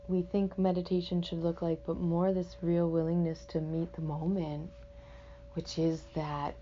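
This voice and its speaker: Her low-sitting voice comes through dull audio with slight background noise. She's teaching a guided meditation, improvising gently and unhurriedly, leaving reflective pauses between phrases.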